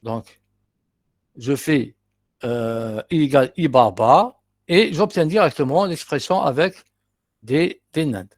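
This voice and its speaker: A middle-aged man with an Algerian accent teaches a university class, working through each step and repeating key terms as he goes. His voice sits a little high for a man, and the recording is dry and close. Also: slow, pauses often, no room sound. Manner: explains step by step, repeats terms, mixes in short asides.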